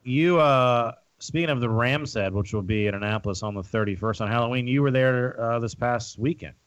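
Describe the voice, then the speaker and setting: Man, middle pitch, casual host, easygoing questions, dry recording. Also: a little fast, no room sound, muffled recording. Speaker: podcast host. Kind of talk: casual podcast chat.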